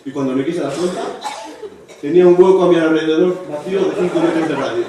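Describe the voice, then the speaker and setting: A young Spanish man performs a stand-up monologue before a university audience, often jumping into loud, high voices to play the people in his stories. His voice sits fairly high, and the recording comes from some distance in a strongly echoing hall with clear background noise. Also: quick pace. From Spain. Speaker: stand-up comedian. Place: university auditorium with a laughing audience.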